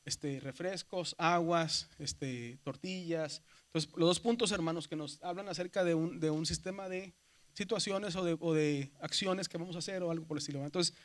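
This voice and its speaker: Teacher, man, middle-aged, fairly high voice, patient classroom explainer. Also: normal speed. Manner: explains patiently, often checks understanding with "verdad". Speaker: seminary Greek teacher. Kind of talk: classroom lecture.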